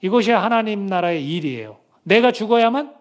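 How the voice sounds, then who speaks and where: A man's voice: high-pitched, expressive, brisk. A man preaching a sermon as pastor. He asks the congregation questions, reads scripture aloud with them, and acts out quoted speech in dramatic bursts.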